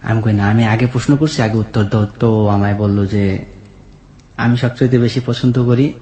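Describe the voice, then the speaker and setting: A young man with a colloquial Bangladeshi accent, appearing as a guest, tells his life story conversationally, replaying exchanges as quoted back-and-forth turns. His voice is lowish, warm, and steady, at a normal speed. The sound is echoey and reverberant.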